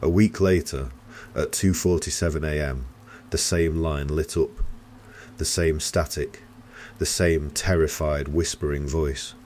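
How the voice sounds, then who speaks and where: A man with an extremely deep voice narrates a scripted horror story. He tells it slowly and gravely, like a storyteller. A faint ambient hum sits behind him. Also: steady tone, a little mellow.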